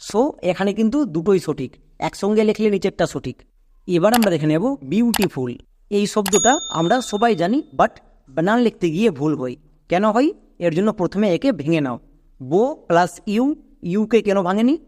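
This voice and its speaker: Male tutor with a high voice, patient step-by-step delivery, spells words out letter by letter. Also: expressive, normal speed, a little mellow, a little hiss or hum. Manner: patient, repeats each letter and asks rhetorical questions. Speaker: English spelling teacher. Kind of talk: explanatory lesson, step by step.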